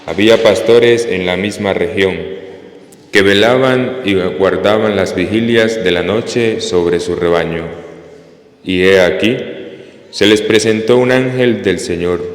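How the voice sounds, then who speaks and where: A man reading scripture aloud in a measured, solemn way during a church service. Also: low-pitched. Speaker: scripture reader. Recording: echoey hall.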